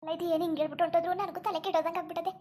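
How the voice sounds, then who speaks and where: An anxious village mother from a cartoon, acted by a woman who wails and pleads in rustic, colloquial speech. Her voice sits very high and her words tumble out quickly, and she turns sharply scolding when she is angry. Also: little pitch movement, warm tone. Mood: despairing. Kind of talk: cartoon voice acting.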